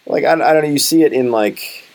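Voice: medium pitch, fairly quick, darkish tone. A podcast host talking casually in an interview, rambling with many fillers and restarts.

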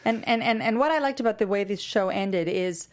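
A woman's voice: medium pitch, fairly quick. A woman co-hosting a TV after-show, chatting casually and playfully. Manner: conversational, playful, many fillers. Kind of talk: casual chat.

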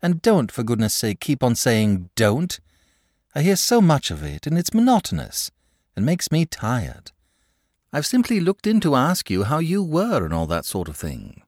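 A man's voice: mid-range voice, huge pitch swings, moderate pace, a little mellow, no echo, clean studio sound, voice pushed up. A man voicing a polite, slightly weary, well-read young boy.

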